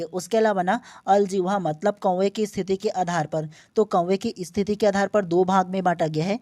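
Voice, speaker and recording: A male teacher gives an online exam-prep language lesson in a soft, mellow voice. He explains step by step and stretches out each example sound so students can copy it. The recording is dry and close. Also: high-pitched, no echo. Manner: explains patiently and draws out example vowel sounds; checks in often with short "okay?" tags.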